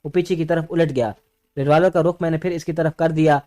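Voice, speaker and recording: A man narrating a first-person story with steady, dramatic storytelling. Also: fairly high pitch.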